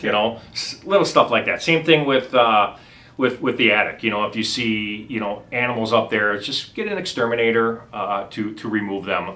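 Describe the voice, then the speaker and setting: Chatty middle-aged man with a bright voice. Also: lowish voice, moderate pace. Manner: rambling anecdotes with many ums and restarts. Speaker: home inspector. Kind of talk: casual storytelling.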